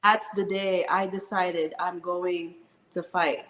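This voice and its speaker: A woman in her thirties, born in the Philippines and raised in New Jersey, is an Army first sergeant telling her story in an interview. Her fairly low, slightly bright voice is flat and slow, heard in a reverberant space. She speaks earnestly and from the heart, using many fillers.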